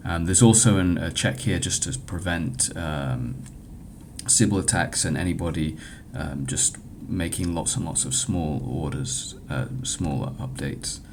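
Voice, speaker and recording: A man giving an informal software demo walkthrough as a developer, speaking in a hesitant, halting way with frequent stumbles. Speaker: hackathon developer presenting own project. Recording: clear background noise with low rumble.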